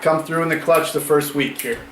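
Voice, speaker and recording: Young male co-host, teasing and sarcastic, fairly high voice, echoey room with faint noise. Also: a little fast. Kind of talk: casual fantasy football chat.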